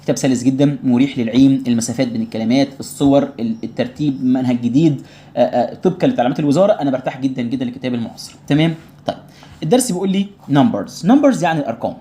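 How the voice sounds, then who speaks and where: A man with an Egyptian Arabic accent teaching English to young children in an online lesson. He says each word slowly, repeats it for drilling, and keeps checking that the class follows. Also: mid-range voice, expressive, mellow. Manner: patient, explanatory, often asks tamam? to check understanding.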